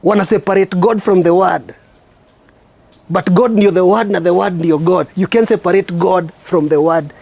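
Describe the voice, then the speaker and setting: A man with a Kenyan accent, a spoken word artist hosting his show, giving a preachy, reflective monologue with slow, emphatic stresses. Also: sits high, steady tone, gravelly, a little mellow, no echo.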